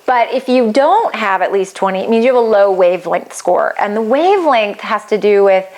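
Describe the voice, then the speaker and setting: A middle-aged woman explaining a relationship compatibility report in a chatty, animated way, acting out quoted reactions and laughing lightly. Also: mid-range voice, normal speed. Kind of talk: casual explainer talk.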